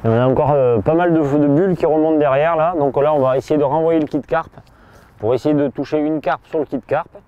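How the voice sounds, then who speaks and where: A man commenting casually while fishing at a pond, relaxed and hesitant, often restarting his sentences. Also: a little high, fairly quick, clear, resonant tone, lo-fi sound. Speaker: fishing angler presenter. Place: outdoors by a pond.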